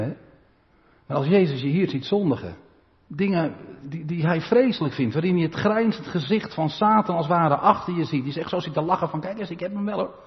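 A man from the Netherlands preaching a sermon as pastor, his voice swelling loud and then dropping to quiet asides, often tagging a "hè?" onto his points. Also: fairly high pitch, big-room sound, dull audio. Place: church.

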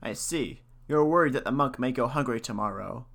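A man as a calm, reassuring old husband. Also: mid-range voice, brisk, vocal fry. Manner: calm, consoling. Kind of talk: storybook reading.

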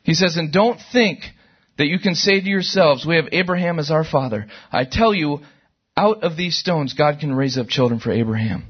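A middle-aged man preaching a sermon to a church service, conversational and animated, with sudden loud outbursts. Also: on the high side, moderate pace, slightly rough, highs cut off. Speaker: pastor.

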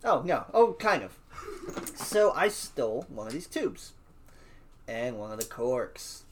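A young man in casual podcast chat, telling stories in an animated, swearing, trailing-off way. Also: mid-range voice, takes it slowly, slight background noise.

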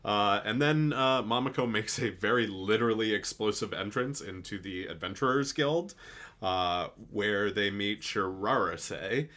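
Low-voiced snarky man recapping a show. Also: a little slow, sharp tone. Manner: laid-back, frequent "um" and "like", snarky asides. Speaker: podcast co-host. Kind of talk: casual recap chat.

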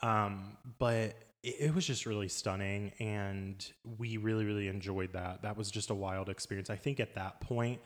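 A man's voice: fairly low pitch, steady tone, moderate pace, few pauses, in a large hall. A man co-hosting a podcast, chatting casually and animatedly about a trip and laughing often. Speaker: podcast co-host. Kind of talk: casual travel chat.

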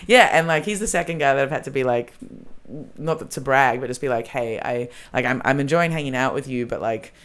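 A woman with an Australian accent telling a lively story in a casual podcast chat, acting out the lines of the people in it. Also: rumbling low, fairly quick. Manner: animated storytelling, acting out quotes. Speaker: comedian guest.

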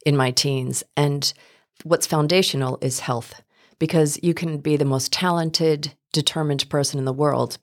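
Woman guest on a talk show, low voice, reflective personal storytelling. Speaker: interview guest, business founder.

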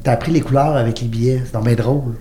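A man's voice: mid-range voice, fast. A man with a Québécois French accent hosting a radio talk show, jovial and joking as he tells anecdotes. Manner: jovial, joking, animated storyteller. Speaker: radio host.

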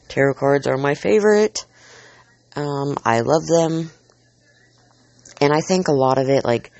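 A man's voice: mid-range voice, gravelly, darkish tone, no echo. A man hosting a casual monologue, chatty and rambling, drifting off on tangents and full of filler words. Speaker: host counting down a list.

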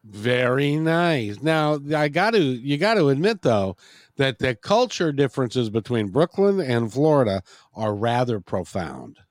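A man's voice: mid-range voice, big pitch swings, unhurried, dry recording, studio quality. A man hosting a podcast in a casual interview style, informal and encouraging. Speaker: podcast host.

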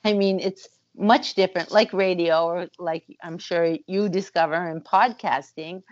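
A woman's voice: lowish voice, fairly even intonation, unhurried, dry recording, lo-fi sound. A woman, a musician and former voice actor, talking thoughtfully in a casual interview over a video call, with frequent ums and uhs.

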